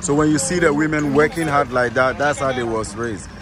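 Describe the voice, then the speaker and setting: A man with a Ghanaian accent works as a tour guide, casually explaining things at a busy outdoor bus station and often repeating or rephrasing himself. His voice is a little high and a little fast. A loud crowd, street noise and passing vehicles fill the background.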